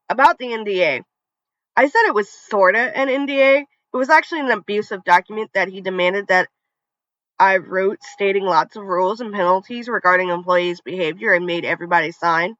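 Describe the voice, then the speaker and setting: Animated and at a moderate pace, a narrator for a story channel reads online revenge stories conversationally, with offhand asides. The voice is mid-range and fairly bright, occasionally tripping on a word and starting over. The recording is dry, dull and slightly lo-fi.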